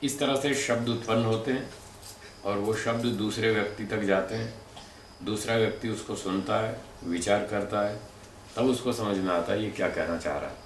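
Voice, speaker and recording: A man giving a spoken lecture on speech and pronunciation, explaining in a measured way and demonstrating sounds aloud. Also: fairly low pitch. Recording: echoey room from a distant mic, faint noise.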